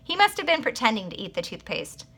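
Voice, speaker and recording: A woman voicing a patient mother in a children's storybook, gentle and soothing. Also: a little high, big pitch swings, fast talker, full character voice. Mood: kindly.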